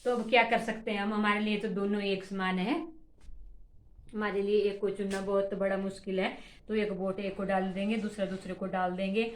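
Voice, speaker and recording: A woman's voice: mid-range voice, little pitch movement, normal speed, roomy sound. A woman chatting casually to her vlog audience from outdoors in strong wind, short of breath, calling out to pets and family. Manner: shouts over the wind, scolding pets and family. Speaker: vlogger. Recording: phone recording with loud wind noise.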